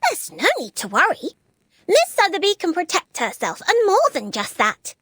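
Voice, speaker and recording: A woman's voice: extremely high pitch, wildly swooping pitch, normal speed, fairly bright tone, dry recording, studio quality, heavily acted. A woman voicing an eager, boastful young noblewoman who refers to herself by name in a game cutscene. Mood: confident. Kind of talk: video game cutscene dub.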